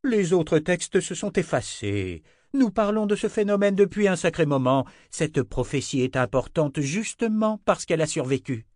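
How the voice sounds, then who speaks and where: A woman's voice: on the low side, sing-song, normal speed, few pauses, no room sound, studio quality, voice pushed up. A man voicing an impatient older sorceress who scolds sharply, in an audiobook reading. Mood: exasperated. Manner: sharp, exasperated.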